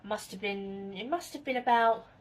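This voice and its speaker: A woman's voice: medium pitch, moderate pace. A woman, chatting casually to camera in her home kitchen and telling spooky stories in a rambling way. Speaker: vlogger.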